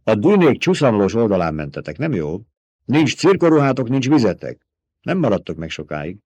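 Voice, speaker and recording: A man's voice: on the low side, big pitch swings, slightly rough, no room sound, voice pushed up. A man reading an audiobook, voicing a proud, blunt male desert warrior who speaks sharply and with scorn. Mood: scornful. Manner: sharp, mocking.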